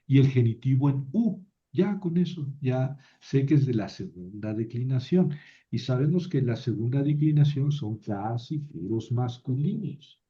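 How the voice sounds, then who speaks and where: Slow male teacher going over greek grammar, lots of little self-corrections, muffled lo-fi recording. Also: mid-range voice. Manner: halting, repeats and corrects himself, asks "verdad?". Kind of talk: recorded lecture.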